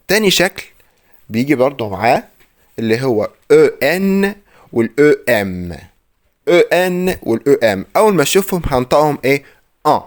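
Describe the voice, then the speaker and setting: A man with an Egyptian Arabic accent teaching French pronunciation, drawing words out slowly and quizzing the listener. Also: mid-range voice. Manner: drills words slowly, asks the listener questions. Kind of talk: pronunciation lesson.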